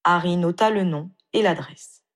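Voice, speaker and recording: Woman, audiobook narration, calm, measured, lowish voice. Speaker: audiobook reader. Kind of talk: scripted narration.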